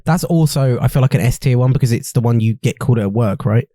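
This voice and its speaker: A man's voice: medium pitch, fast, warm tone, no room sound, clean studio sound. A young man co-hosting a podcast, teasing and swearing in casual banter. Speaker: podcast co-host. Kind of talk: casual chat.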